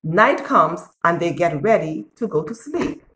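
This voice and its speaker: Reading to little ones from a picture book, this storyteller in her sixties has a lowish voice and an expressive, unhurried delivery, often turning questions to her listeners. The recording comes from a phone or tablet at arm's length in a small, bare-walled indoor room, so it sounds echoey and carries slight hiss or hum.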